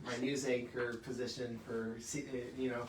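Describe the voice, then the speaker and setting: A man's voice: mid-range voice, little pitch movement, normal speed, crowd noise. A man hosting a casual health talk from his clinic, chatty and laughing often, with plenty of fillers. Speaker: chiropractic clinic host. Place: clinic room. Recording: echoey room, mic at a distance, faint hiss.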